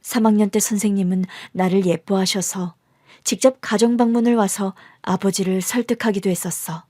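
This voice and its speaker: A woman voicing a middle-aged birth mother who softly confides the story of her hard past. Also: mid-range voice, fairly even intonation, moderate pace, no echo, studio quality, lightly acted. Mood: confiding.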